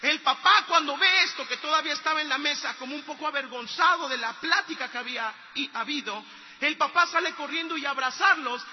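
A man's voice: extremely high pitch, fairly quick, in a large hall, muffled recording, a little hiss or hum. A man preaching a sermon, telling a story earnestly and pressing his points to the congregation. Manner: earnest storytelling that builds to loud exhortation.

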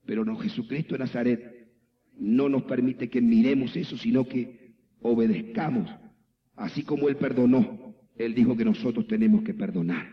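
A man's voice: mid-range voice, normal speed. A man preaching a sermon as a pastor, acting out his talks with people and building to a passionate fervor. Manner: impassioned preaching, acts out dialogue. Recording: echoey hall, dull lo-fi with music.

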